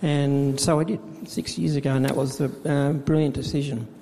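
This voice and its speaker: Gravelly middle-aged man, reverberant hall. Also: medium pitch, level tone, dark tone, a little hiss or hum. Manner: halting, with many fillers and restarts. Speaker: church volunteer administrator. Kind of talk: personal faith testimony in interview. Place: church.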